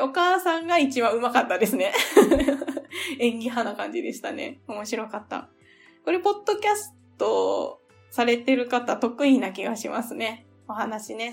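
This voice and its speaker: A woman from the region of Japan, hosting her own podcast in a gentle, polite, chatty way with soft laughs. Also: a little high. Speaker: podcast host. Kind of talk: solo podcast chat, travel diary.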